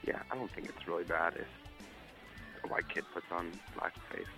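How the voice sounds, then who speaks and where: A man's voice: low-pitched, measured pace, pushed and bright, soft background music. A man leaving a hesitant, mumbling voicemail as a caller, with the phone held away from his mouth so he sounds faint and distant. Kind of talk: rambling voicemail message.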